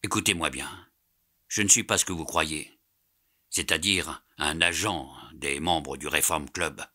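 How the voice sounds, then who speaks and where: A man reading an audiobook, voicing a secretive police detective who speaks in a low, confiding, insistent way. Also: unhurried, sharp tone, exaggerated voice. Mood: curt.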